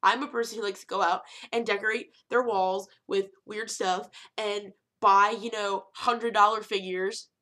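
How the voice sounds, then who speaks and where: Animated young woman vlogger, rambling. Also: mid-range voice, moderate pace, few pauses. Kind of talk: casual vlog rant.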